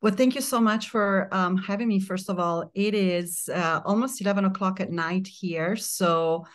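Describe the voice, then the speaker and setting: A middle-aged woman from Italy, a guest in an interview, talking calmly and reflectively in long flowing phrases over a remote connection. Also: mid-range voice, moderate pace. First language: Italian. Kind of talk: casual interview chat. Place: remote mountain home, remote interview.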